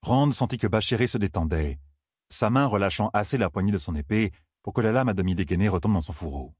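A man narrating a fantasy audiobook in a steady, even reading. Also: on the low side, fast talker, slightly rough, no echo, studio quality.

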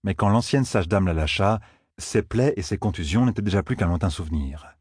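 A man narrating an audiobook in a measured storytelling manner. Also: low-pitched, expressive, a little mellow, breathy edge, no room sound, clean studio sound. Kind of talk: scripted narration.

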